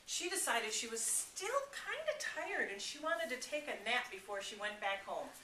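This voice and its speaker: A woman tells a story to children with a bright, fairly high voice that swoops lively up and down. She sounds expressive and animated. She is heard from across an echoey room. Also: normal speed, distant mic, slight background noise. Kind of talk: reading a story aloud to children.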